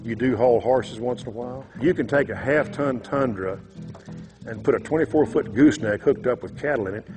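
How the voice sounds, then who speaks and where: A man with a West Texas twang telling his story in a relaxed, unhurried, folksy way, pausing as he goes. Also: mid-range voice, over music. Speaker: truck-testing cattle rancher.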